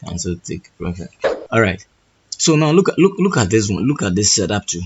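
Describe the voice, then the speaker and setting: A man with a hoarse, husky voice walking through trading charts, thinking aloud and often restarting his phrases. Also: lowish voice, big pitch swings, brisk, muffled recording, background noise. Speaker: trading educator.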